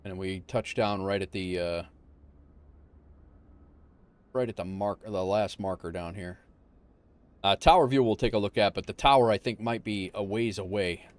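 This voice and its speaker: A man giving casual livestream commentary on a flight simulator game, informal and thinking out loud. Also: lowish voice, moderate pace.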